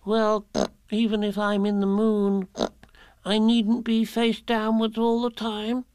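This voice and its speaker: Piglet, tiny high-voiced storybook pig, played by a man. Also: completely flat delivery, slow pace, a little mellow, smooth, dry recording. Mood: bewildered. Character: tiny timid male piglet, puzzled and fretful.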